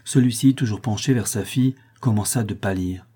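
A man narrating a classic novel in a measured, expressive reading. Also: lowish voice, slightly rough. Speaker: audiobook narrator.

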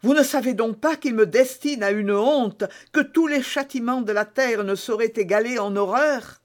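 A man's voice: very high voice, normal speed, pitched above the performer's own voice. A man reading an audiobook voices a desperate, scheming woman prisoner who pleads and prays in a tearful, theatrical way. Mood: pleading, indignant.

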